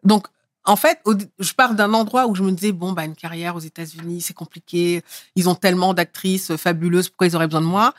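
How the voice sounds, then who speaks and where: A middle-aged actress from France speaking in a relaxed interview, lively and emphatic as she tells her story. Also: on the low side, fairly quick, dry recording, studio quality. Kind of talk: casual interview talk.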